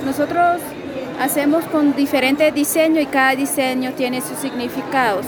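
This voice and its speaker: A woman's voice: sits high, fairly even intonation, normal speed. A woman from Colombia's Sierra Nevada, an artisan vendor answering hesitantly. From Sierra Nevada de Santa Marta, Colombia. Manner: hesitant, searching for words. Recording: crowd noise at a fair.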